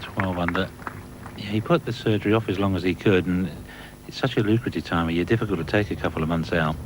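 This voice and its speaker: A man with a low-sitting voice talks fast as he delivers live golf commentary for a broadcast. Noisy outdoor ambience from the course surrounds him.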